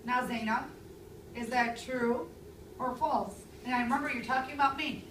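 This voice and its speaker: A woman in her thirties teaching a classroom language lesson, speaking clearly and stressing key words. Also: sits high, fairly even intonation, normal speed, noisy background. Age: 30s. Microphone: far camera. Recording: echoey classroom from far off.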